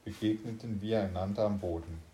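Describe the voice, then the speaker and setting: A man's voice: lowish voice, steady tone, a little fast, reverberant, noisy background. A man reading a science fiction story aloud in German, unpolished, with slips and restarts. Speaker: story reader.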